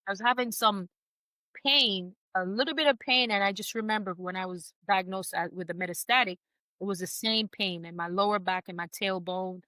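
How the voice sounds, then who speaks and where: Bright-voiced woman speaking earnestly. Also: mid-range voice, no room sound. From United States. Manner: earnest, halting, with frequent restarts. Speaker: podcast guest. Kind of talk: emotional personal conversation.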